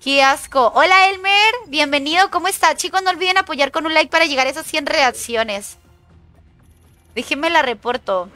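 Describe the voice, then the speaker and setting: A young woman from Chile streaming a game, chatting excitedly, swearing at opponents and greeting viewers. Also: sits high, moderate pace, soft background music. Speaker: gaming streamer. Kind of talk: casual live-stream chat while gaming.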